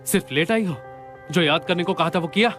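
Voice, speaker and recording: Dub role: man doing blunt scolder, lightly raised pitch, soft score behind. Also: fairly quick, faint music behind, close to an everyday voice. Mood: scolding. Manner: stern and lecturing. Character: strict, blunt young man who scolds her. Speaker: dubbed drama character. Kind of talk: Hindi dub of a drama.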